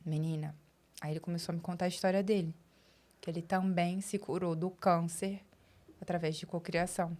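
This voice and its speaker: Brazilian woman, interview guest, lower voice, lively storyteller who acts out quoted dialogue. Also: fairly quick. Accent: Brazilian Portuguese.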